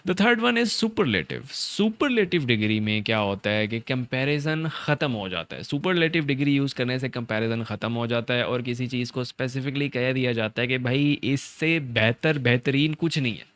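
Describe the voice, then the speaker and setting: Slow, clear-voiced male grammar teacher. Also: mid-range voice, expressive, a bit bright, dry recording. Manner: mixes Hindi-Urdu and English, drawn-out English examples, quick asides. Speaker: IELTS teacher. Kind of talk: online grammar lesson.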